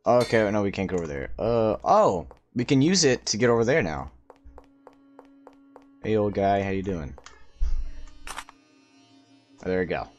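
A man's voice: on the low side, sing-song, a little slow, pauses often, soft background music. A man giving casual, sweary game commentary in slangy language as he plays. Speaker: gaming video host.

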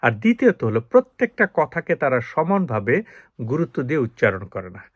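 A man's voice: medium pitch, brisk, slightly rough, dry recording, studio quality. A man, an English teacher giving a lesson, explaining patiently and speaking straight to the viewer. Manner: drills example sentences in a steady repetitive rhythm. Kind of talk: spoken language lesson.

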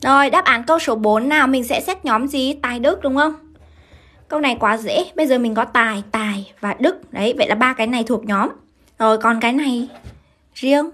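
A woman's voice: a little high, a bit bright. A woman English teacher from Vietnam, running a live-streamed grammar lesson and keeping her viewers engaged by asking them to confirm as she goes. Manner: brisk, keeps asking students to confirm.

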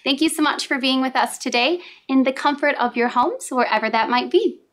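A woman's voice: high-pitched, brisk, a bit bright. A young woman, co-director of a community theatre group, giving an upbeat introduction to a streamed play.

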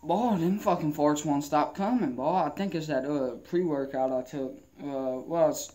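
A man's voice: fairly high pitch, moderate pace, a little mellow. A young man chatting casually in a rambling vlog, his speech slightly muffled by a lip full of dipping tobacco. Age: young adult. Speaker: vlogger. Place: mostly inside a wooden garage or shed with an open door. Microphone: camera at arm's length.

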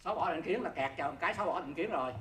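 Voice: mid-range voice, expressive, rapid-fire, fairly bright tone. Teacher, echoey room. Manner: keeps asking listeners "see?", chuckles while explaining. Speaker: Buddhist dharma teacher. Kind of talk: conversational dharma talk to an audience. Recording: roomy echo with faint background noise.

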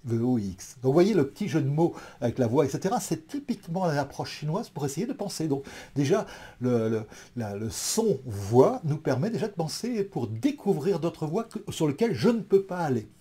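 A man's voice: a little high, very animated, moderate pace, mellow, slightly rough. A man giving an explanatory talk to an audience, thoughtful and full of hesitations and restarts. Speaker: lecturer.

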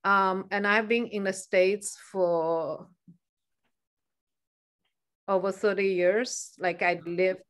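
A guest speaker on an online meeting, this middle-aged native Chinese speaker from China answers questions from a room at home near a staircase. Her mid-range voice is fairly even and slow, pausing often. She fills in with many fillers and restarts while thinking aloud.

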